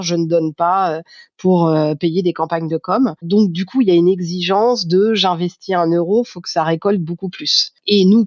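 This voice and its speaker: A woman in her fifties from Paris, speaking as a podcast guest, reflective and halting, with many fillers and restarts. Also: lowish voice, dry recording, dull audio. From Paris, France. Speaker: guest, communications agency founder. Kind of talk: podcast interview.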